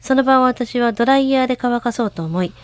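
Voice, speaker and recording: A woman's voice: fairly high pitch, fast talker. A woman co-hosting a radio show, reading a listener's letter aloud.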